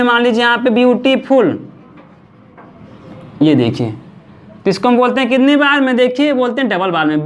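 A man teaching English grammar, asking questions and answering them himself, stretching out example words slowly. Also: very high voice, a bit bright, slight background noise. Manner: repeats points slowly, drawing out example words. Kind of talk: classroom-style grammar lesson.

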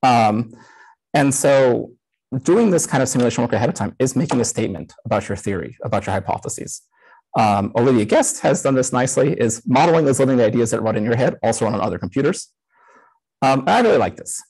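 Man, 30s, gravelly and husky voice, lively intonation, headset on a video call, casual talk full of ums. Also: medium pitch, quick pace, rough recording. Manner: casual, many "um" fillers. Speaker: conference speaker. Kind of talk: live-coded conference talk.

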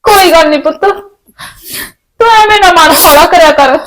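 A woman's voice: very high voice, normal speed, a bit bright, rough recording. A middle-aged woman playing a worried mother who soothes and pleads with her family. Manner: soothing, pleading, tearful at times. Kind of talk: family short film acting.

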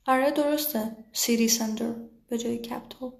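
A woman teaching English to Persian speakers in a live online class, answering viewers' questions casually and saying English words slowly with a Persian accent. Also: on the high side, fairly even intonation, creaky, echoey room. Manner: chatty, switches to slow careful English words.

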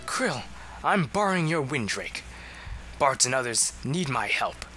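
A man's voice: mid-range voice, sing-song, a little slow, bright, forceful tone, soft background music. A man voicing a bold, blustering old grandfather warrior from a video game, exclaiming and commanding. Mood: urgent command.

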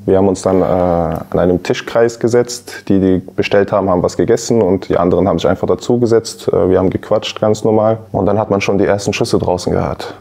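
A man in his twenties, an interview guest, giving a calm, measured personal account with frequent filler sounds, seated in a youth centre lounge. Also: deep voice, creaky. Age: 20s.

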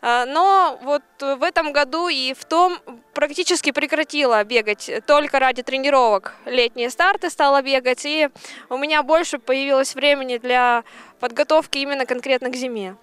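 A woman's voice: high voice, fairly quick, a bit bright, no echo. A young woman athlete talking after a race outdoors in the snow into a handheld mic, hesitant with many fillers. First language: Russian. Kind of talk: post-race interview. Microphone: handheld reporter mic.

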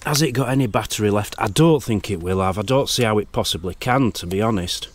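A middle-aged man narrating a wildlife camera vlog outdoors in a wood, in a chatty, easily excited way. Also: fairly low pitch, a little fast, a little hiss or hum. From United Kingdom. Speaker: wildlife vlogger. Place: woodland outdoors.

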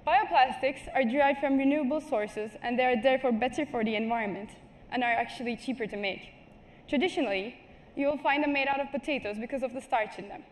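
A woman's voice: high-pitched, fast talker, a little hiss or hum. A teenage girl from Turkey giving a prepared talk on a large stage, earnest, with small restarts and apologies. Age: teens. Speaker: student speaker. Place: large stage before a seated audience. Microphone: headset mic.

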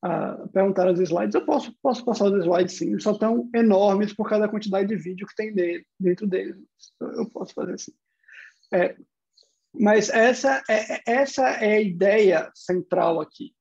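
A man's voice: sits high, normal speed, creaky, darkish tone, muffled recording. A man with a Brazilian Portuguese accent giving an online university lecture, explaining step by step and posing rhetorical questions.

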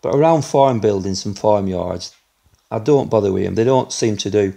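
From indoors in a farm building loft, a middle-aged man with vocal fry speaks at a normal speed to the camera about airgun pest control. The chat is low-key and loose, with "you know" fillers, and noisy outdoor-farm ambience runs underneath.

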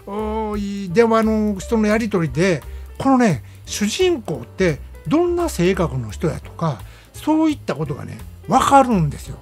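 Over background music, a Kansai-accented radio host reviews a movie in a casual, explanatory, conversational way, often adding "ne" tags. The voice is mid-range and a little mellow, with big pitch swings and a measured pace.

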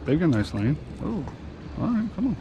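A man with a fairly high, creaky voice talks a little fast, his pitch swinging widely as he hosts a fishing vlog from his boat. He's a charter captain and channel host, chatting to viewers in a folksy, upbeat way and calling them y'all. The action camera on the open boat picks up engine and water noise.

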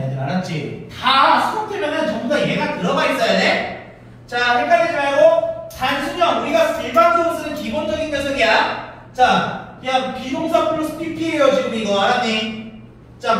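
A male English grammar teacher giving a classroom lesson, constantly quizzing his students with quick questions. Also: very high-pitched, a bit bright, a little hiss or hum. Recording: echoey room, mic far off.

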